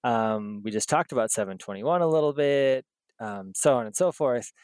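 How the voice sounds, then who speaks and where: A man's voice: mid-range voice, animated, moderate pace, a little mellow, no echo, close to an everyday voice. A man putting on a Wisconsin accent as he rambles through a list of past concert dates. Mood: reminiscing. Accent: Wisconsin, put on.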